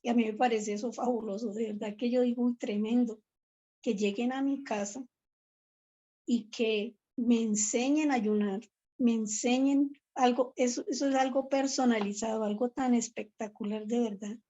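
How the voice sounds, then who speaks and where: An earnest woman gives a heartfelt testimony in church, often restarting her phrases. Her voice sits fairly high but has a soft, mellow tone. The recording sounds dull and muffled. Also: steady tone, moderate pace. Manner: emotional, earnest, with many restarts. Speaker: church member giving testimony.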